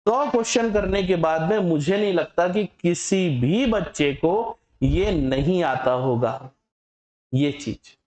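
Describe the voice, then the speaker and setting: A man teaching chemistry in a fairly high voice, firing questions at his students and answering them himself. He teases and scolds the class as he goes, and the sound carries the echo of a bare classroom. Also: lively intonation, slow pace, a little mellow. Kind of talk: lively classroom lecture.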